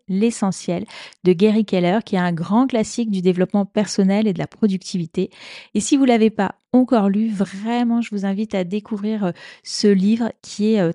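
A woman's voice: mid-range voice, warm tone, dry recording, studio quality. A woman hosting a career advice podcast, talking in a conversational coaching way with frequent little fillers. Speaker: podcast host.

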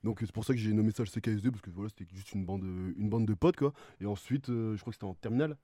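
A young man speaks in a low register, recorded very dry. He chats informally as an interview guest, with plenty of slang and searching, hesitant phrasing. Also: rapid-fire, warm tone, dry recording. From France. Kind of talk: casual chat.

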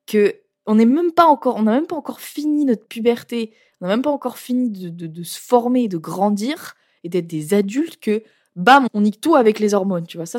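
A woman's voice: medium pitch, darkish tone. Young woman, candid podcaster with a sick voice. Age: young adult. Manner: candid, slangy, exasperated. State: sick, voice roughened by a cold. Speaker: podcast host. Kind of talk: casual personal storytelling.

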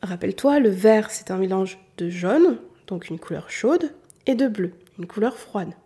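A woman's voice: medium pitch, expressive, unhurried, dark tone, husky. A woman from southern France giving an informal lesson on colors, talking straight to the listener in a chatty way. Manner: chatty, addresses the listener directly. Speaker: color analysis teacher.

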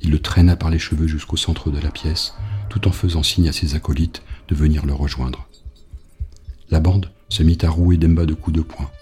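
A man reading an audiobook novel in a grave, measured narration. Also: rumbling low, steady tone, darkish tone, faint music behind.

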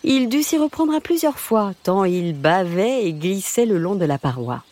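A woman narrating a children's story in a lilting, expressive way. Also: mid-range voice, normal speed. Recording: music bed under the voice.

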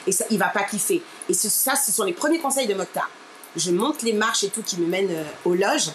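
A woman's voice: medium pitch, a little fast. A woman from Martinique telling a personal story as an interview guest. She acts out the people she quotes and keeps calling the listener "my dear.". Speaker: interview guest, radio presenter. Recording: steady background noise.

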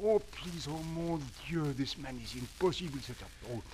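An actor playing a florid, melodramatic French drama director with a French accent, in vintage radio comedy style. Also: male voice, a little high, expressive, normal speed, a little hiss or hum, lightly acted, low-quality recording. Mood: exasperated. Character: pompous, theatrical male French drama director.

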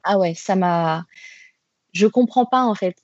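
A woman guest tells her running story in a loose, animated way, stumbling through fillers and restarts. Her voice is husky and slightly breathy. The recording is dry and a little dull, with no room sound. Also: mid-range voice, unhurried, no echo. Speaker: podcast guest, trail runner. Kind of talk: casual storytelling in an interview.

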